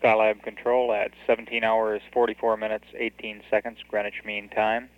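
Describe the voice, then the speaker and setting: American guy doing mission control updates, flat and measured, dull old roomy recording. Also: on the low side. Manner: measured, matter-of-fact delivery. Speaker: mission control public affairs announcer. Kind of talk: scripted mission status commentary. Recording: dull lo-fi 1970s NASA audio, roomy echo.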